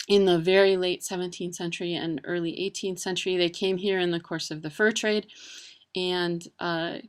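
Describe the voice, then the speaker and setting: A woman talking casually to camera about words and places, with lots of ums and uhs. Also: lowish voice. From Wisconsin. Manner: chatty, many ums and uhs. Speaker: vlogger. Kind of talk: casual educational talk.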